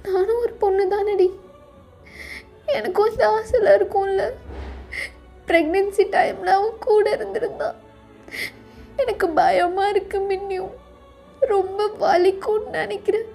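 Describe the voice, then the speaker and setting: A woman voicing a heartbroken young pregnant woman left by her lover, crying and halting in a fan audio drama, with soft music behind. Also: sits high, little pitch movement. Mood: tearful. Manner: tearful, halting.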